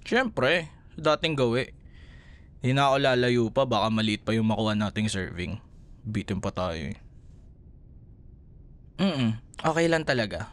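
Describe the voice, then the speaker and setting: With a medium pitch and an expressive, measured delivery full of long pauses, a Filipino-accented man lightly acts the part of a playful, loving young boyfriend. It's an intimate, one-sided ASMR roleplay in which he soothes a frightened partner, teasing gently, speaking tenderly, and chuckling frequently.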